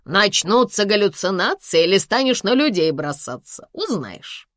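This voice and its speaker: A woman's voice: medium pitch, very animated, moderate pace, fairly bright tone, no echo, clean studio sound. A woman doing a curt, sardonic older mother. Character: sharp-tongued older mother, dry and bossy. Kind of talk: audiobook character voice.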